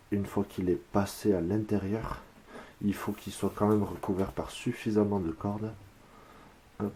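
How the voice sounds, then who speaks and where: A man from France calmly explaining a craft step by step, counting his braiding moves aloud as he works. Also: deep voice, slight background noise. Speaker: whip-making instructor.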